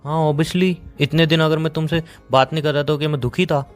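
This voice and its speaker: In this phone-call romance drama, the bitter young boyfriend who is fed up with his girlfriend is voiced by a man with an Indian accent, cold, dismissive and sarcastic in rapid-fire bursts. The voice is fairly high and steady in tone, lightly acted, over soft background music.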